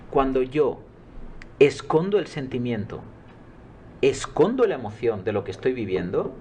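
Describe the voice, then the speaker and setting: A man's voice: mid-range voice, a little mellow, slight background noise. A middle-aged man, a coach, answering interview questions earnestly and emphatically. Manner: earnest, emphatic, quotes his own dialogues.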